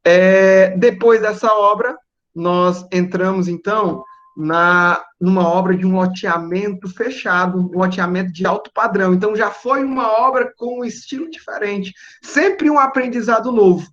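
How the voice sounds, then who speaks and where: A young man, giving a relaxed, explanatory talk to students and checking in with "né?" and "certo?". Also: sits high, moderate pace, dull audio. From Northeast Brazil. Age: young adult. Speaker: guest engineer speaking to students. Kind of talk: relaxed presentation over video call.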